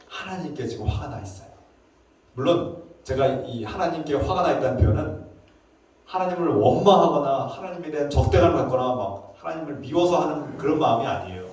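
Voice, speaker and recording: Emphatic pastor in an echoey church. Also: male voice, a little high. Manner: animated, emphatic, with chuckles. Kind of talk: sermon. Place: church sanctuary. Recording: echoey church hall, distant mic.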